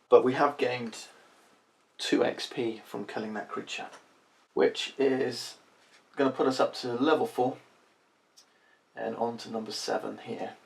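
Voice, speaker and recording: A man with a gravelly, creaky edge in a middle-pitched voice walks through a board game's rules in a relaxed playthrough. He thinks aloud as he goes, checking each rule before he moves on. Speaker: board game reviewer. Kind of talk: casual board game playthrough.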